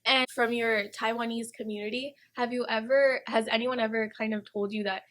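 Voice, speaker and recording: A woman's voice: on the high side, fairly even intonation, normal speed, a bit bright. A young woman hosting a podcast, reading a scripted intro and asking interview questions, offering short encouraging replies. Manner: brief encouraging backchannels. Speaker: podcast host.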